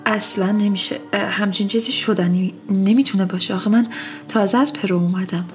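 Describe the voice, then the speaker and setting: A woman voicing a bewildered uncle who shouts in anger and stammers when shaken. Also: medium pitch, faint music behind, close to an everyday voice. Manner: shouting, then shaky and stammering. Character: furious bewildered uncle who returned home, man.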